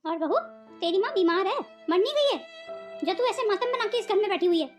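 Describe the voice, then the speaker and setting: A woman voicing a shrill scolding old mother-in-law. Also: lively intonation, brisk, faint music behind. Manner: taunting, scolding. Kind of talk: melodramatic cartoon voice acting.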